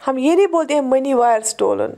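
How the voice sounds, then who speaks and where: A woman, a native Urdu speaker, teaching English grammar in a lecture. She explains in Hindi-Urdu, says the English example sentences slowly and deliberately, and often checks in with the class. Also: high voice, warm tone. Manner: often checks in with "theek hai" and "right".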